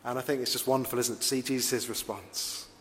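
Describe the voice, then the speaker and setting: Preacher with a hall echo. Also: male voice, mid-range voice, fairly even intonation, quick pace, fairly bright tone, slight background noise. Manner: reflective, conversational, asks the listeners rhetorical questions. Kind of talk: sermon.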